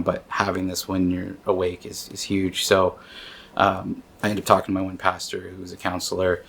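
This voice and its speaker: A man in his thirties talks through a personal story in a low, gravelly voice that stays very even in pitch. He speaks earnestly, often pausing and restarting his sentences. Faint noise sits under the recording. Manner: earnest, halting, with many restarts and fillers. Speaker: vlogger sharing his grief story. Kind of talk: personal reflective talk.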